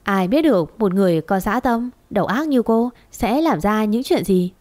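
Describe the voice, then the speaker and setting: A woman's voice: mid-range voice, expressive, normal speed, a little mellow, close to an everyday voice. A woman reading a harsh, angry young master. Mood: scornful. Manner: harsh and scolding. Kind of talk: storybook reading.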